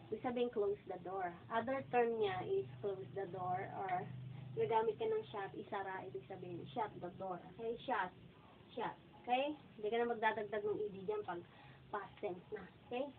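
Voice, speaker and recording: A woman giving a casual online grammar lesson, asking "okay?" over and over and repeating verb forms slowly and clearly. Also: on the high side. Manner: keeps asking "okay?" and saying "guys". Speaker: English teacher. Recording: tinny phone-like sound, faint noise.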